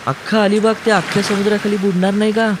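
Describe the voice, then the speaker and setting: A man's voice: little pitch movement, quick pace, noisy background, close to an everyday voice. Man putting on a frightened young woman's voice. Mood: anxious. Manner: fearful, teasing, high and pleading. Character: anxious young woman in a sinking boat. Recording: sea waves behind voice. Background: ocean waves sound effects.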